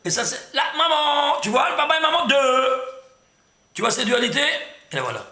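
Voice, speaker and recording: Animated rabbi with a gravelly, bright voice. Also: male voice, extremely high pitch, moderate pace, echoey room. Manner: lively and emphatic, full of restarts, asks "C'est clair?" often. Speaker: rabbi teaching a class. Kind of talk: animated Torah lesson.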